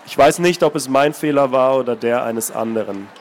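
A man reading aloud and voicing a mysterious, weary old man with a low, rustling voice. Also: moderate pace, a little hiss or hum, close to an everyday voice.

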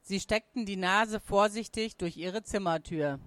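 A woman narrating a children's story in a calm, even, scripted reading. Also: mid-range voice, unhurried.

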